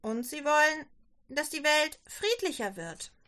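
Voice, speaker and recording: A woman doing an earnest young girl in a storybook, eager, pleading, bright and fairly high. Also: very animated, measured pace, exaggerated voice. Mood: pleading firm.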